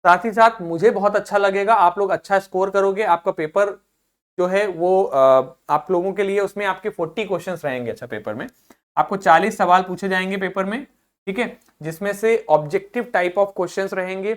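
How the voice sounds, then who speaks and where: A teacher giving an online vocabulary lesson to school students. They say each word slowly several times, speak to the students directly and often check in with "okay". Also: mid-range voice. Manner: addresses students directly and encourages them.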